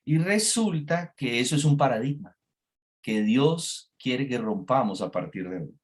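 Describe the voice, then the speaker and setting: A man's voice: mid-range voice, lively intonation, unhurried. A man preaching a sermon to a congregation, engaging them with frequent questions. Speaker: pastor. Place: church before a congregation.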